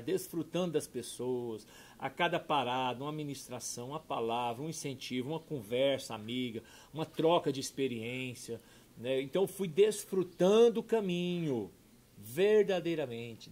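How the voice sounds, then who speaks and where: A middle-aged man, a pastor telling a heartfelt personal testimony, dropping soft and low then rising loud and excited. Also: moderate pace. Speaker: pastor and podcast guest.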